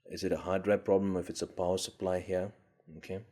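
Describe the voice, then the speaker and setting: A man who collects gadgets hosts a casual video demonstration, thinking aloud hesitantly and unscripted as he tests things. His low-pitched voice is dark, flat, and fast.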